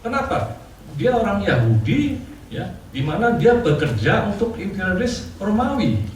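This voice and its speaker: Pastor guy preaching casual, laughs a lot, lively up and down voice, far off mic, big echo. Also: sits high, a little slow, a little hiss or hum. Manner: chatty, laughs often, frequent fillers. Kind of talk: casual conversational sermon. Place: church hall. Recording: distant mic in echoey church hall with faint ambience.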